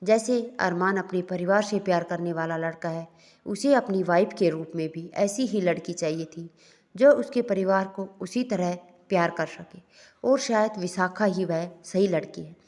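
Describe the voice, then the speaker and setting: A woman storyteller calmly narrating a romantic story. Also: on the low side, normal speed.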